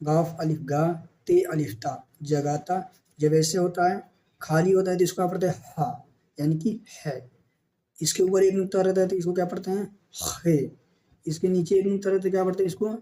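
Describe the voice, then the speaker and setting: A male teacher giving a beginner Urdu reading lesson with an Indian Urdu accent, spelling out letters and syllables slowly and asking questions he answers himself. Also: on the high side, mellow.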